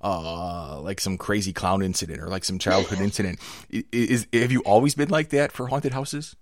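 Male podcast host, middle-aged, gravelly and lowish with a cold; chatty, rambling, enthusiastic, very dry close sound. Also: moderate pace, no room sound. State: slightly hoarse from a cold. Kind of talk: casual conversational podcast.

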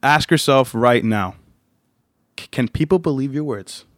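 A man's voice: mid-range voice, measured pace, no room sound. Young guy cohosting a podcast, joking around, voice pretty mid, dry close sound. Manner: playful, acts out scenes with shouted put-on voices. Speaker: podcast co-host. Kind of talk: casual faith podcast chat.

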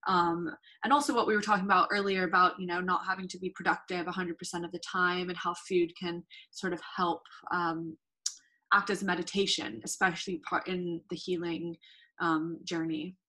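A woman co-hosting a podcast, talking in a relaxed, reflective way. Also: fairly low pitch, normal speed. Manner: relaxed, reflective, filler-heavy. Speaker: podcast co-host. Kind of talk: casual podcast chat.

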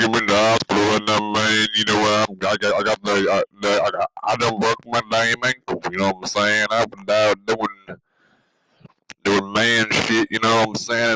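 A man's voice: mid-range voice, lightly acted, low-quality recording. A man playing a blustering, belligerent macho podcaster in an improvised comedy monologue, rambling and repetitive. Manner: repetitive, rambling, swearing bravado.

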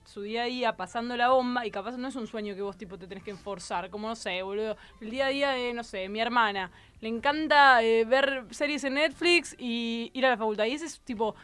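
A woman's voice: fairly high pitch, fairly quick, hardly any pauses, a bit bright, clear, resonant tone. A Rioplatense woman with a slightly raised voice makes her point in a loose, rambling way. Filler words pile up as she thinks aloud on a casual radio panel. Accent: Rioplatense Spanish.

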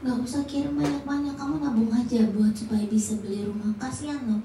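A woman's voice: sits high, steady tone, fast, warm tone, a little hiss or hum. A woman in her forties preaching a sermon, talking conversationally and addressing the congregation directly with personal stories. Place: church hall. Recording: echoey hall.

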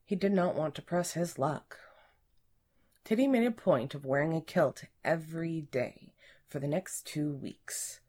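A woman reads a story aloud as its narrator. Her voice sits low, and her telling is even and measured.

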